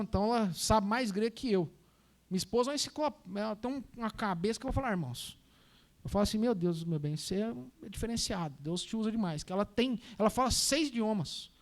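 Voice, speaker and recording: Man, Minas Gerais accent, missionary leading a Sunday school slide talk, casual and direct with the congregation. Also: sits high. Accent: Minas Gerais Brazilian Portuguese. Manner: conversational, addresses listeners as brothers and sisters. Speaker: missionary presenting to a church.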